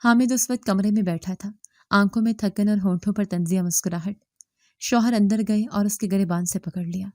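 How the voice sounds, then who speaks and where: Female storyteller, earnest first-person narration, mellow and dry. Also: medium pitch, steady tone, no echo. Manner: earnest, anxious mother's storytelling.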